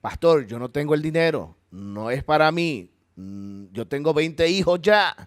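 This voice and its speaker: In a church hall, a Puerto Rican pastor preaches earnestly and conversationally, adding asides, then closes with a prayer. His voice sits on the high side, animated and measured in pace, captured in studio quality without echo.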